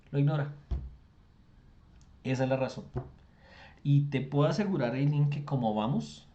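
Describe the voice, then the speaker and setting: A man's voice: mid-range voice, warm tone, a little hiss or hum. A man, teaching an online class and explaining with lots of rhetorical questions. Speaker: English tutor. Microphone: video call.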